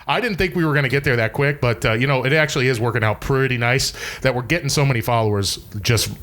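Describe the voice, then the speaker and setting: A man co-hosting a casual podcast chat in a relaxed, easygoing way. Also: medium pitch, fast talker, a little hiss or hum. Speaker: co-host.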